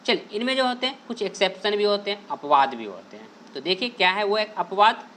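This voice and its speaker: A man teaches a grammar lesson to his students, whom he addresses fondly. He repeats each rule again and again, asks a question and then answers it himself. He draws the key words out slowly, with a faint background noise. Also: high voice, very animated, sharp tone. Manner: drawls out key words slowly to stress them. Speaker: online English teacher. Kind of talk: explaining a grammar lesson over on-screen slides.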